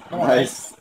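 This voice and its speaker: A man's voice: mid-range voice, darkish tone, a little hiss or hum, low-quality recording. A young man, a native French speaker, chatting casually to a handheld phone as a travel vlogger. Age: young adult.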